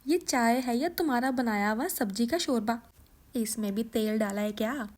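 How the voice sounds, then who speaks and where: A woman's voice: on the high side, normal speed, natural voice. A woman voicing a nagging, scolding older mother-in-law in a cartoon story. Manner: scolding, complaining loudly. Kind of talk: cartoon voice acting.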